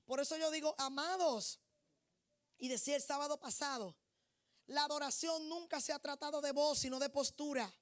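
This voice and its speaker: A woman preacher with a high-pitched voice giving a fervent, declamatory sermon, often raising her voice to a shout. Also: fairly even intonation, moderate pace.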